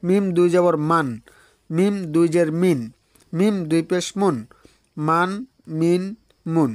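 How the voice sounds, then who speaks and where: A man with a somewhat high voice teaches beginners to read the Quran. He repeats each letter sound slowly and patiently, drilling them over and over. The recording is close and dry, with almost no room sound. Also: darkish tone, no echo. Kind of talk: beginner Quran reading lesson.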